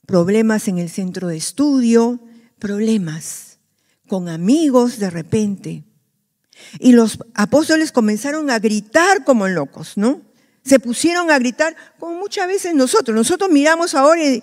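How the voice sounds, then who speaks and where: A woman pastor with a Peruvian accent preaching a sermon in a church, acting out the worried cries of believers. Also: mid-range voice. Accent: Peruvian Spanish. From Peru. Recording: long church hall reverb.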